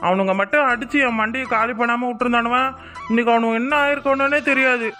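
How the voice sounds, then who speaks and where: A cocky young husband from a cartoon, voiced by an actor, full of bragging and joking banter. His pitch sits in a middle range, and he teases his wife freely. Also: fairly even intonation, fast talker, pushed and bright, faint music behind, close to an everyday voice. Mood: playful. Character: boastful young husband, playful and teasing. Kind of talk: cartoon voice acting.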